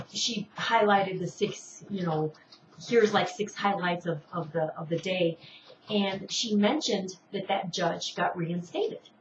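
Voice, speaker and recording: A woman's voice: medium pitch, a little hiss or hum. A middle-aged woman hosting an online show, telling personal stories in a rambling way with many restarts. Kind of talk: casual personal storytelling. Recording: distant, roomy, dull home recording.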